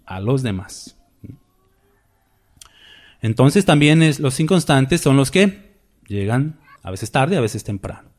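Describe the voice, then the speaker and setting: A man's voice: medium pitch, big pitch swings, slow, long pauses, darkish tone. A man preaching a Sunday sermon, with emphatic repetition and rhetorical questions. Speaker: pastor. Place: church.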